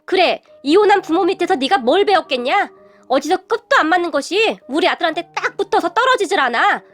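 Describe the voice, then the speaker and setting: A woman voicing a furious, snobbish middle-aged mother who shouts scornfully. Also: extremely high pitch, expressive, fairly quick, soft background music. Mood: angry.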